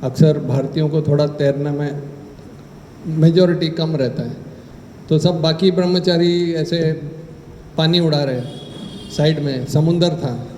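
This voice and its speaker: Guy giving a temple talk, slightly high voice, tells stories and does the voices, big echoey hall. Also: unhurried, long pauses, slight background noise. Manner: animated storyteller who acts out dialogue. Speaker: spiritual speaker giving a scripture talk. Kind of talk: Hindi scripture discourse with personal stories. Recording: echoey hall with faint ambience.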